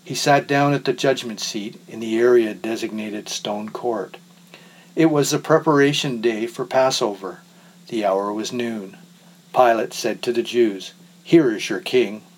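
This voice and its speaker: Male scripture reader, mid-pitched, steady and solemn. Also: unhurried, low-quality recording. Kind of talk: scripture reading.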